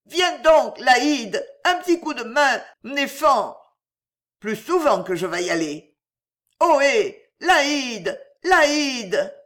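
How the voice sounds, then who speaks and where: A woman's voice: medium pitch, big pitch swings, moderate pace, a bit bright. A woman voicing a drunk, crying woman who calls and pleads with slurred, whining words. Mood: pleading. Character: drunk weepy woman stuck on a staircase.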